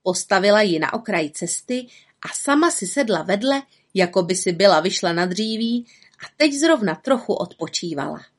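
A woman reading a children's story aloud in gentle, even narration. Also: medium pitch.

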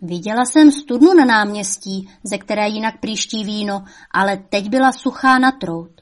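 A woman's voice: medium pitch, lightly acted. A woman voicing the devil's old mother, a cunning woman who scolds shrilly and coaxes sweetly. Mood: coaxing.

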